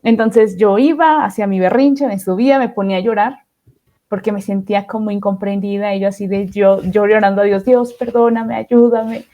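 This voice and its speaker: A woman's voice: mid-range voice, fairly even intonation, a little fast, muffled recording. A woman, a podcast guest sharing her testimony in a reflective way, often asking "¿no?". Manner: reflective, often ends phrases with "¿no?". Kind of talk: testimony interview.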